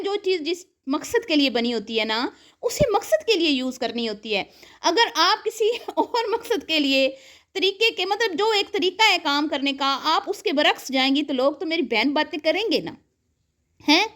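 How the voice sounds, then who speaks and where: A woman's voice: extremely high pitch, a bit bright. A woman giving sarcastic, scolding reaction commentary and calling the viewer her sister. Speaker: online commentator reacting to other creators.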